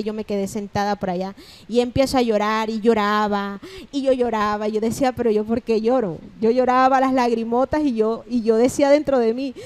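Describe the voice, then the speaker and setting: Woman pastor as podcast guest, fairly high voice, vivid storyteller who voices each remembered exchange. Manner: animated storytelling, acting out remembered dialogue. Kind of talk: personal testimony in a podcast conversation.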